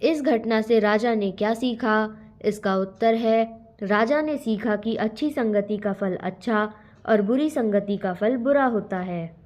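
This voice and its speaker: A woman teacher reading a school lesson aloud and going through its questions in a clear, patient way. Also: on the high side, unhurried, a little mellow. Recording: dull lo-fi recording.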